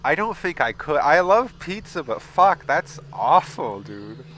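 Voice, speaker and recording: Lively, bright-voiced man reacting to a game. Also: a little high, measured pace, slight background noise. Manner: reads questions aloud, answers bluntly, swears often; bursts into loud exasperated outbursts. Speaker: gaming channel host. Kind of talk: casual game commentary.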